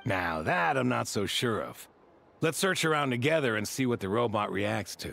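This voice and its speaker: An actor voicing a calm, reserved male watchman in a video game, speaking in a measured way. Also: medium pitch, vocal fry, a little hiss or hum.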